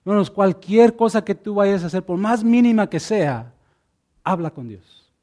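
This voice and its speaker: A man's voice: sits high, moderate pace, mellow. A man preaching a sermon in a conversational, earnest way, acting out small dialogues and repeating key words. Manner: conversational, acts out little dialogues.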